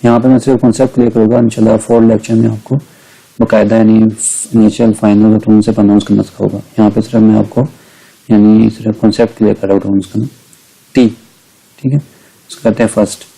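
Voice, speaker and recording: A middle-aged man giving a recorded language lecture, patiently explaining step by step and slowly modelling each sound. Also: lowish voice, monotone, creaky, warm tone, poor audio. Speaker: language teacher.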